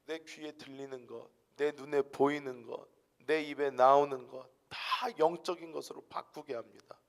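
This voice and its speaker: A male pastor preaching a sermon in a church, dramatic, dropping to whispers and rising to shouts. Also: mid-range voice, fairly even intonation, moderate pace. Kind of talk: Friday night sermon.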